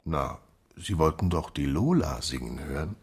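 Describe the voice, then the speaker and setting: A man's voice: rumbling low, expressive, normal speed, slightly rough, full character voice. An actor playing a chummy, blustery showman, colloquial, jovial and bossy, in old film style. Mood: jovial coaxing. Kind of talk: early sound film acting.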